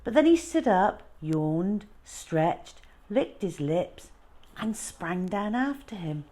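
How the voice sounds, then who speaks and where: Speaking slowly at a medium pitch, a woman hosting storytime reads a children's book aloud, alternating relaxed chatter with expressive storytelling.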